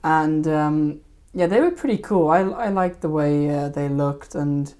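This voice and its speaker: A woman's voice: sits low, a little slow, dark tone. A woman hosting a fishkeeping live stream, rambling casually and hesitantly over her old videos. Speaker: fishkeeping channel host.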